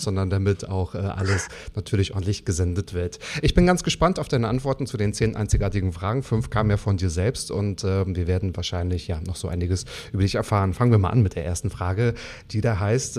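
A man's voice: on the low side, darkish tone. A man hosting a podcast interview in a chatty, enthusiastic, casual way.

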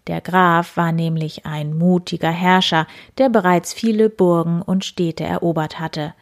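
A woman's voice: fairly low pitch, fairly even intonation, a little slow. A woman hosting her own show, reading a children's story aloud in a chatty storytelling manner. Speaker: storyteller host.

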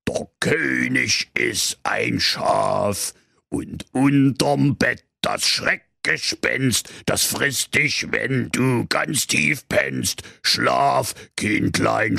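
A man's voice: fairly high pitch, lively intonation, moderate pace, creaky, few pauses, bright, forceful tone, slightly rough, no room sound, studio quality, voice pushed up, exaggerated voice. A man voicing a touchy, theatrical singer in a bedtime story, haughty and crooning.

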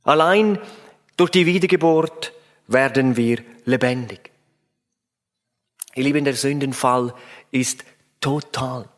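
Slow, emphatic male preacher. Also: medium pitch. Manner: slow, emphatic, addresses listeners directly. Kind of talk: sermon.

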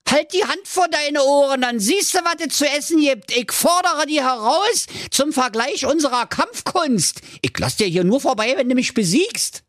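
A man's voice: very high voice, expressive, moderate pace, hardly any pauses, a bit bright, no room sound, clean studio sound, pitched above the performer's own voice. A man voicing a hot-tempered ninja with a strong Berlin accent, brash and insulting. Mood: angry.

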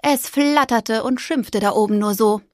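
A woman narrating a children's story in a calm, even storytelling manner. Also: fairly high pitch, measured pace, dry recording, clean studio sound.

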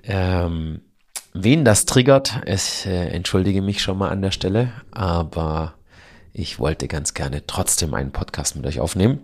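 Man in his early 40s, low gravelly voice, nasal and honking from a cold, casual podcast host, chatty. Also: moderate pace. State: congested with a cold. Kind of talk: casual solo podcast talk.

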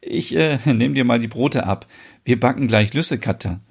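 A man voicing a cheerful, bashful young Swedish woman in a podcast soap opera, speaking in a raised, bright, laughing way. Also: mid-range voice, lively intonation, moderate pace, creaky, breathy edge.

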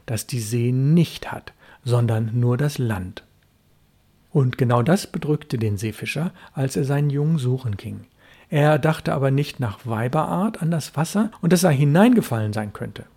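A man reading a classic story aloud as narrator of a literature podcast, in a measured storytelling manner. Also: mid-range voice, mellow.

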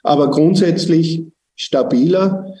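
Man, company executive, dark mellow voice, echoey room away from the mic. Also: fairly high pitch, far from the mic. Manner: measured, technical explanations. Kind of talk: business interview.

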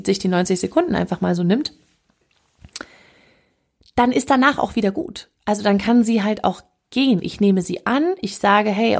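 A woman's voice: medium pitch, creaky. A woman coach talking casually about handling emotions, often quoting her own self-talk. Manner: conversational, self-correcting, with quoted self-talk. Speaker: happiness coach.

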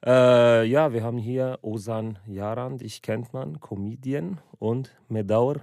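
A man's voice: mid-range voice, fairly even intonation, takes it slowly, darkish tone, no echo, clean studio sound. Chatty man hosting. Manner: laughs often, loose and chatty. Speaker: podcast host. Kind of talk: casual podcast chat. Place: indoor studio room.

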